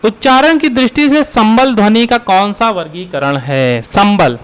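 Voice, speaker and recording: High-voiced man teaching Hindi grammar. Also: unhurried, smooth. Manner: asks questions then answers them himself; repeats key terms for drilling. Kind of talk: exam-prep lesson.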